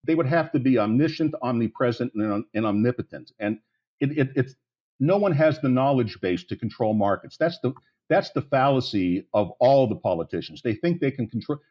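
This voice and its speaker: This podcast interview guest is a man in his sixties from around Pittsburgh, speaking at a normal pace in a medium-pitched voice with a dark tone and lively intonation. He's candid and blunt, wandering through his points and restarting many times.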